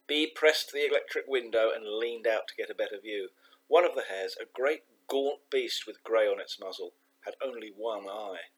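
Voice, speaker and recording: A man reading a children's novel aloud, measured and expressive, slowing down for emphasis. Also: on the low side, low-quality recording. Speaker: audiobook narrator. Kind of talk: scripted narration of a children's novel.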